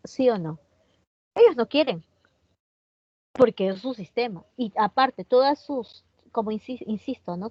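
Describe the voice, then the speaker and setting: A woman's voice: fairly high pitch, dry recording, lo-fi sound. Chatty Peruvian woman teaching chemistry. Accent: Peruvian Spanish. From Peru. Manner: chatty, asks students questions and answers chat comments. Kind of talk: online class lecture.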